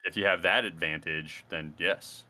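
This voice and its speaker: A man's voice: low voice, steady tone, normal speed, bright, forceful tone. A man co-hosting a podcast, rambling through casual banter with crude jokes. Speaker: podcast co-host.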